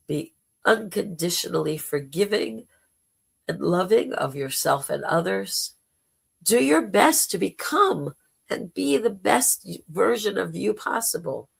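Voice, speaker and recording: A spiritual livestream host with a gravelly, temporarily hoarse voice, talking informally and gently encouraging the viewers. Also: mid-range voice.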